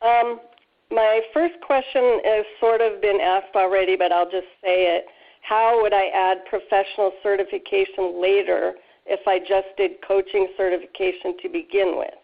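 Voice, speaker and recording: A woman's voice: mid-range voice, steady tone, moderate pace, vocal fry. A woman calling in on speakerphone, asking methodical, polite questions on a Q&A call. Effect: phone on speakerphone. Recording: tinny phone line on speaker.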